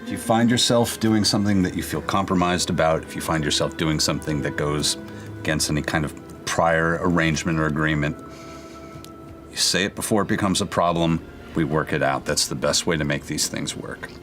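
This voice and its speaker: A man's voice: extremely low pitch, brisk, music in the background. A man playing a blunt, pragmatic mercenary in tabletop role-play, speaking matter-of-factly. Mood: firm, frank.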